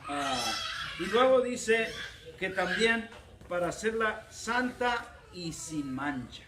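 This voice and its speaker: A pastor with a Mexican accent preaches a humorous sermon in a church hall, joking and acting out little dialogues. His voice is high-pitched and expressive, and he takes it slowly. The echoey recording is captured from far off, with background noise and the congregation laughing.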